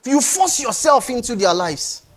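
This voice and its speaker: High-pitched passionate man preaching. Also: big pitch swings, measured pace. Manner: passionate, preaching, rises and falls between loud urging and quiet pleading. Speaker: motivational speaker. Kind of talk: motivational speech to young people.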